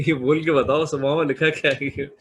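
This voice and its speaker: Husky-voiced man teaching English class. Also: on the high side, fairly bright tone. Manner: coaxing, drills pronunciation by repeating words slowly. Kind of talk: classroom lecture.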